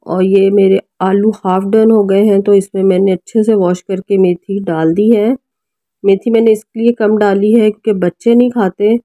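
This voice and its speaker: This mother, who has a Pakistani Urdu accent, talks warmly in a mid-range voice through a casual cooking and family vlog shot in her kitchen and family room. She is chatty and repeatedly turns to viewers with requests for help, and the recording has no echo.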